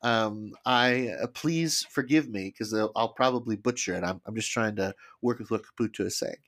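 A man's voice: fairly low pitch, moderate pace, fairly bright tone. Man explaining a book on a podcast. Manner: explaining a book at length, tentative. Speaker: podcast co-host. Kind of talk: casual podcast discussion.

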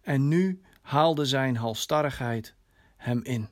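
A man reading a dramatic story in a slow, measured way, his voice sinking softly at line endings. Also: medium pitch. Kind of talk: scripted dramatic narration.

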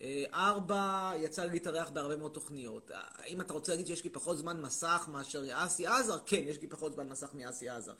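A man's voice: a little high, hardly any pauses, pushed and bright. A man hosting a live stream, needling his caller and ranting in mocking, repetitive bursts. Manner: mocking, needling, repeats himself in rising rants. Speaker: host of a live stream taking callers and questions. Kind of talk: provocative live-stream monologue.

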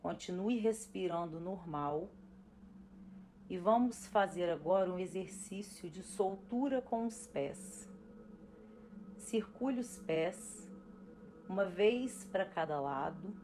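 A Brazilian woman calmly leading a guided breathing and relaxation exercise with unhurried pauses, as an instructor. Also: lowish voice, slight background noise. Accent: Brazilian Portuguese. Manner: slow, calm, instructing with pauses. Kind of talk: guided relaxation for expectant parents. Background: music.

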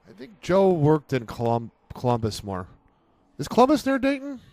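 A man's voice: fairly high pitch, wildly swooping pitch, normal speed, mellow. A man casually chatting in an audio commentary over a film, joking and crude.

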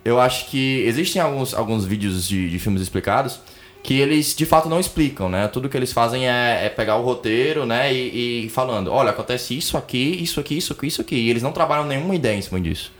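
A man hosting a podcast, speaking in a measured way and often checking in with "né". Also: mid-range voice, lively intonation. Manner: measured, hedging with "né". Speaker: podcast host. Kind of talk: podcast chat.

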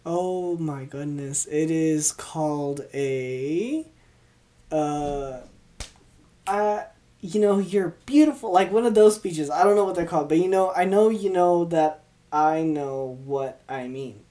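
A woman's voice: low-pitched, slow, mellow. Rambling twenty-year-old woman podcaster. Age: 20s. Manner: rambling, stumbling, upbeat. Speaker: podcast host. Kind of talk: casual solo podcast chat. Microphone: podcast mic, also filmed for video.

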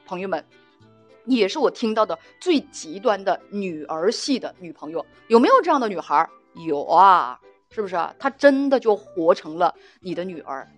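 Animated woman telling a relationship story. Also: medium pitch. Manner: animated, chatty, acts out quotes. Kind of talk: storytelling monologue.

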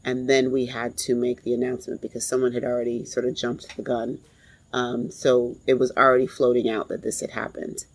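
Gravelly-voiced grieving woman in her forties. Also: a bass voice, level tone, low-quality recording. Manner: reflective, halting, pauses to compose herself. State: grieving, emotionally strained. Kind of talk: personal storytelling monologue.

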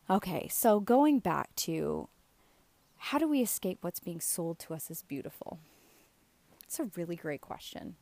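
Middle-aged woman, warm dark timbre, talks out of one side of the mouth, earnest coaching style, casual and emphatic. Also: medium pitch, dry recording. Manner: earnest, emphatic, asks checking questions. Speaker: self-esteem coach hosting a show. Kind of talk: casual motivational talk to camera.

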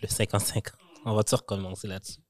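A man from Quebec with a Quebec French accent, a guest on a podcast, talking candidly and laughing loudly. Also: on the low side, flat delivery, fast. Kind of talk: casual banter.

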